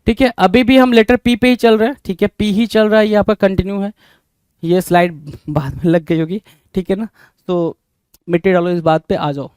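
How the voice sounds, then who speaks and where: Brief: male vocabulary teacher, smooth and resonant, keeps repeating questions to the class. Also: sits high, steady tone, normal speed, darkish tone, no echo. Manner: repeats each question back to students, calls them "bhai". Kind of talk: exam-prep vocabulary lesson.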